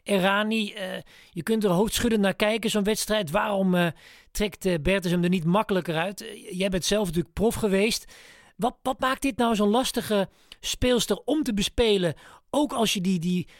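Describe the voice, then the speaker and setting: A man presenting a sports broadcast, asking an expert questions in a halting way with many hesitation fillers. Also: sits high, no echo, clean studio sound. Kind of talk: interviewing an expert.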